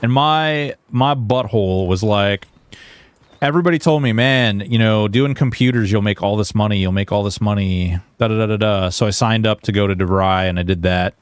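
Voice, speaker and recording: While gaming on a livestream, a man in his early forties talks to viewers in a casual, halting way, poking fun at himself and swearing mildly now and then. He has a fairly low, smooth voice, and the recording is dry.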